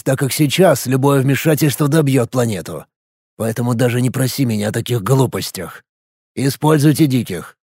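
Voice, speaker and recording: A man voicing a stern, irritable male military lord-commander in a storybook reading, speaking curtly and gruffly. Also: mid-range voice, darkish tone, no room sound, studio quality, lightly acted. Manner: curt, gruff, dismissive.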